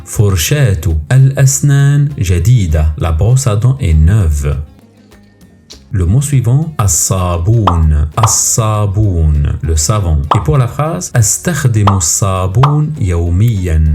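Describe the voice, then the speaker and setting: A man teaching a recorded vocabulary lesson, saying each word twice, slowly and carefully. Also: fairly low pitch, mellow. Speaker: language teacher.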